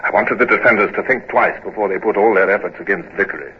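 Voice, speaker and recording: A man's voice: lowish voice, steady tone, fast talker, breathy edge. An actor playing a formal, self-doubting naval officer who commands and narrates his campaign in a radio drama. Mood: reflective. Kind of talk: radio drama acting and first-person narration. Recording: dull, noisy old radio drama recording.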